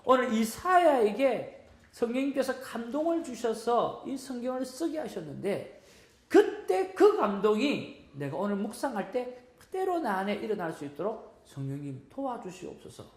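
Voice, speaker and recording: A woman's voice: on the high side, very animated, normal speed, a little mellow. Earnest woman teaching in an echoey hall. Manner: earnest, storytelling, exhorting the audience. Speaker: seminar teacher. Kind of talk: teaching sermon.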